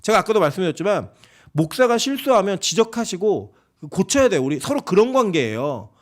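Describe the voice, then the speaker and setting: A man's voice: sits high, big pitch swings, brisk. A man preaching a sermon as pastor, emphatic and conversational, often asking the congregation rhetorical questions.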